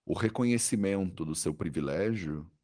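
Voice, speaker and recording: A Brazilian man teaching and guiding a meditation in a calm, soothing, unhurried way with pauses. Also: low voice. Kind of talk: guided meditation.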